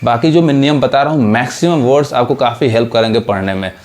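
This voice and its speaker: In this classroom lesson, a man with a medium-pitched, somewhat mellow voice talks quickly as he teaches English pronunciation. Spelling words out letter by letter, he keeps asking his students whether they follow.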